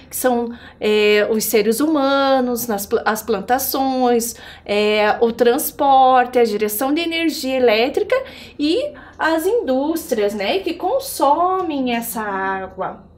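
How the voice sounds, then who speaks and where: A woman with a Brazilian accent and a high-pitched voice leads a video lesson for young children. She has the cheerful manner of a kids show host, often turning to her listeners with little questions as she explains. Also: slow pace. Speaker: primary school geography teacher.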